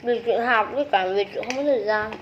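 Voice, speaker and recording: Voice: medium pitch, fast talker. A youngster chatting casually as a member of a small video channel during a meal. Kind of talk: casual mukbang chat while eating. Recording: muffled lo-fi sound with background noise.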